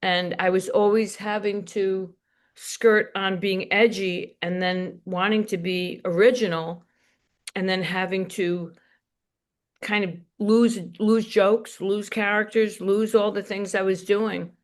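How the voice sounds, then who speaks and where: A woman's voice: medium pitch, fairly even intonation, slow. Older woman comedian telling rambling stories. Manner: rambling, anecdotal, laughs while telling stories. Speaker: comedian guest. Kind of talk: candid interview storytelling.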